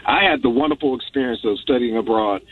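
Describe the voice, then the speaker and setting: A man's voice: mid-range voice, quick pace, a little hiss or hum. A man who teaches political science, talking earnestly and often repeating words as he thinks. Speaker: guest, university professor. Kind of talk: conversational discussion. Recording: tinny phone-like line from far off.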